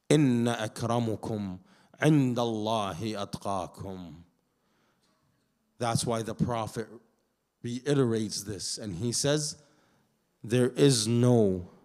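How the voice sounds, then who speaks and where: Born in Iraq and raised in Canada, a man with a mid-range voice delivers a sermon at a Muharram gathering. He recites Arabic verses and translates them, shifting from quiet reflection to loud, emphatic declaration.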